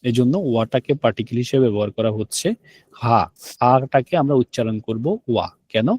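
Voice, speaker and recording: Speaking a little fast, this man has a medium-pitched, darkish voice with fairly even intonation and no room sound. He runs an online language class, explaining gradually, asking students questions and repeating essential words.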